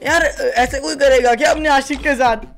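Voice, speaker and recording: A man's voice: very high voice, fairly even intonation, moderate pace, over music. A young man hosting a gaming prank, whining and pleading with mock indignation over voice chat. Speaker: prank gamer host.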